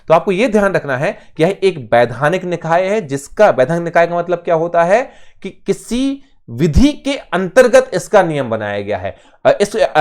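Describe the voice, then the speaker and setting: A man teaching an exam-prep lecture in Hindi, posing questions and answering them himself, often checking in with "ठीक है". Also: on the high side. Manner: emphatic, with sudden bursts of loudness on key terms.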